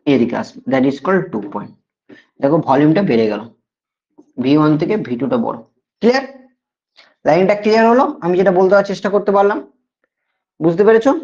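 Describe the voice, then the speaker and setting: A man's voice: a little high, lively intonation, brisk, pauses often, a little mellow. A male teacher with a Bengali accent giving a classroom lecture, repeating key points and often checking that students follow. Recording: dull lo-fi sound.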